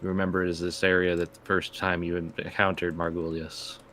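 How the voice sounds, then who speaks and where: A man's voice: sits low, level tone, fairly quick, fairly bright tone, slight background noise. A man working as game master, improvising descriptive narration for a tabletop role-playing game.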